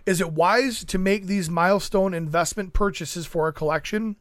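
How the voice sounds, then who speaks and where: A man's voice: high-pitched, normal speed, a bit bright, no room sound. Chatty man hosting a collector podcast. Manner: rambling, many fillers, laughs easily. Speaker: podcast host reading listener questions. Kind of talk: casual chat.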